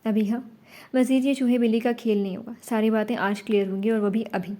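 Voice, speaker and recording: A woman's voice: a little high, fairly even intonation, warm tone, natural voice. A woman voicing a young husband, teasing at times and firm at others. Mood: pressing.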